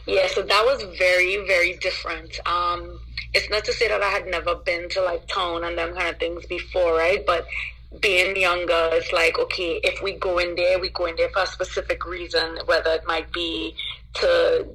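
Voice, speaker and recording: A Trinidadian woman, a soca singer, chatting casually in an interview, relaxed and easygoing with lots of fillers. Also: on the low side, moderate pace, slightly rough, poor audio. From Trinidad and Tobago. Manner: relaxed, laughs easily, chatty with many fillers.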